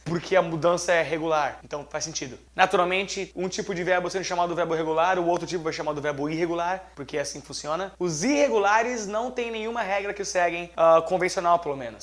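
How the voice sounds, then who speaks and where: A man's voice: on the high side, fairly bright tone. Jokey Brazilian man teaching casually. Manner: jokey, slangy and sarcastic, talks straight to the viewer. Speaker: English teacher. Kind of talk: casual video lesson.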